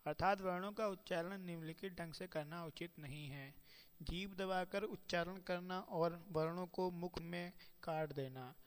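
A man teaching in a measured lecture style who slows down to recite quoted verses. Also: sits high, smooth, long reverb tail. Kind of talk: lecture on Sanskrit pronunciation.

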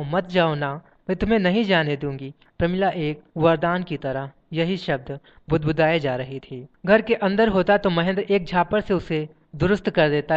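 A man narrates a novel in a measured audiobook style. His voice is smooth and somewhat high. The recording sounds dull and lo-fi. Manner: measured, reads page numbers aloud.

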